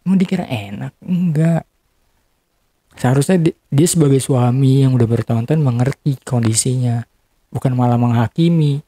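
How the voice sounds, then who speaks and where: A young man in an interview telling an emotional personal story, halting and often repeating or restarting his words. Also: mid-range voice, mellow, slightly rough, no room sound.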